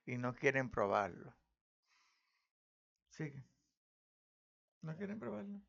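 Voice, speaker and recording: A man preaching on scripture in a fiery, challenging way that rises into loud declarations. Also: mid-range voice, very animated, takes it slowly, creaky, lo-fi sound. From Puerto Rico.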